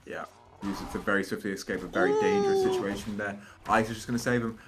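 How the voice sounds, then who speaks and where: A man's voice: on the low side, huge pitch swings, fast, over loud music. A young man calling play-by-play at a fighting game tournament, explaining the action and slipping in puns. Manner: analytical play-by-play, fond of puns. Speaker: esports commentator. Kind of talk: live tournament commentary.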